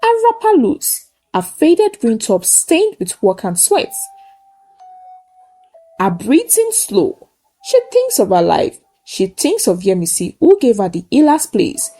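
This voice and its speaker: A storyteller tells a folktale in a woman's slightly high, dark-toned voice whose pitch swoops wildly, taking her time as faint music plays behind her. Her sentences are short and simple, delivered solemnly and with emphasis, and the dramatic narration closes with a moral.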